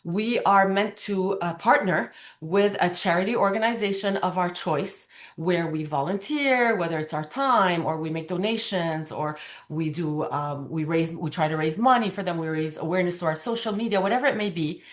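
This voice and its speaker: A woman from Lebanon whose first language is Arabic, speaking earnestly and warmly as an interview guest. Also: lowish voice, moderate pace. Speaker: guest, pageant titleholder. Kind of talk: casual interview conversation.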